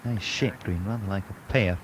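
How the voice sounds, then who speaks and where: A man commentating on televised golf in measured, clipped descriptive phrases with pauses. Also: low-pitched. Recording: clear outdoor course noise behind voice.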